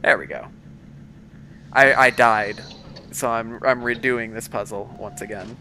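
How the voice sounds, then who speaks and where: Casual live game streamer, male, forceful bright tone, chats with viewers as he plays. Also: medium pitch, a little slow, slight background noise. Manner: chatty, talks to viewers and his pet. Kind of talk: live-stream gameplay commentary.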